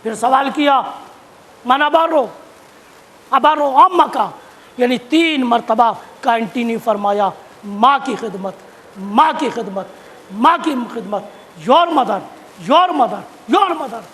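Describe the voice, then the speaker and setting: A man preaching a sermon, repeating phrases for emphasis and rising to shouts at key points. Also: extremely high pitch, long pauses. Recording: long hall reverb.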